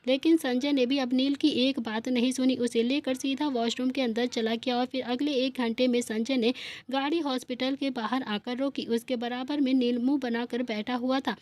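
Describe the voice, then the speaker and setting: A woman narrating an emotional family story in an expressive, conversational way. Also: sits high, normal speed, no echo.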